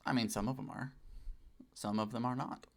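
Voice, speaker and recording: A game streamer in his late twenties chats casually mid-play, affecting a deliberately raised customer service voice. He speaks at medium pitch with a steady, darkish tone, and his banter is sweary and self-deprecating.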